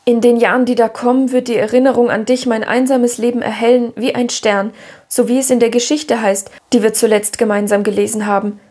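A woman's voice: a little high, flat delivery, brisk, darkish tone, natural voice. A woman voicing a dreamy, imaginative orphan girl who speaks in lofty, theatrical phrases in an audiobook. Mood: solemn, romantic.

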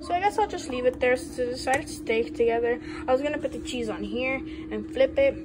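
A woman's voice: high voice, brisk, over music, low-quality recording. A teenage girl vlogging casually in her home kitchen, rambling and chatty with lots of fillers, filmed on a handheld phone. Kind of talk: casual cooking vlog. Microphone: handheld phone camera. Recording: loud appliance noise behind.

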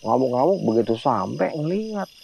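A man's voice: mid-range voice, very animated, normal speed, vocal fry, warm tone, husky, lo-fi sound. A man telling a hiking horror story in casual slang, often turning to address his listener by name. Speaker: storyteller guest.

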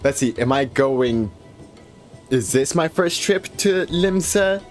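A man's voice: mid-range voice, expressive, slow pace, faint music behind. A man casually commenting on a game he streams, with chatty, self-mocking asides.

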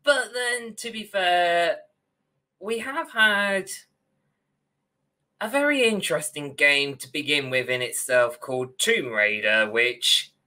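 A young man co-hosts a casual podcast from a room on a video call, giving opinionated, ranting takes on films and games. His voice sits high, with a slow pace and a sharp tone.

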